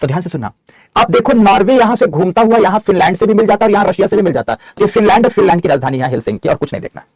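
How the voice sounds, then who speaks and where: A man's voice: sits high, animated, racing, darkish tone, slightly rough, no echo. A middle-aged male geography teacher, giving an online map lecture, answering students' chat questions and dictating notes.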